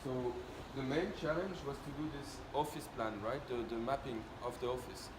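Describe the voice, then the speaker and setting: In an echoey room with loud background noise, a company presenter, a man with a French accent, gives an informal product demo in a mid-range voice at normal speed. He is explanatory and goes step by step, frequently finishing points with tag questions to confirm listeners follow.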